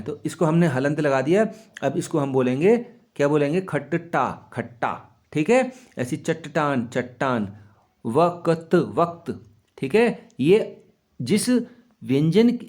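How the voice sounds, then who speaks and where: A man's voice: fairly high pitch, a little mellow. A man teaching a grammar lesson to children, patient and step by step, who keeps asking questions and answering them himself and checks whether the class is following. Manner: patient, slow, explains step by step.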